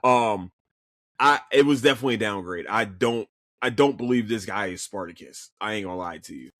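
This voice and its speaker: A Philadelphia-accented man with a lowish voice talks a little fast while casually reviewing shows he watched on his solo podcast. Animated, he swears freely and often restarts, repeating words in a stammer. The studio sound is clean, with no room sound.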